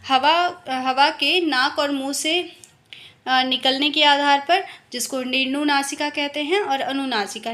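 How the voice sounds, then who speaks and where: A young woman teaches an exam-prep lesson in a bright, high voice. She explains step by step, sounding out each example vowel. She mixes English words into her Hindi.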